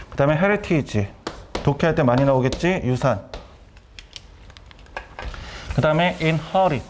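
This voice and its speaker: Middle-aged male lecturer, slightly high voice, brisk and repetitive, light hiss under the voice. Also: darkish tone. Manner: brisk, repeats key terms, quizzes students. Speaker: academy director teaching vocabulary.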